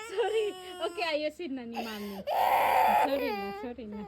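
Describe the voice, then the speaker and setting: A woman's voice: sits high, sing-song, normal speed, very noisy. A mother at home filming her small child on a phone, coaxing, apologizing and soothing in a laughing way while mixing Tagalog and English. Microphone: phone camera.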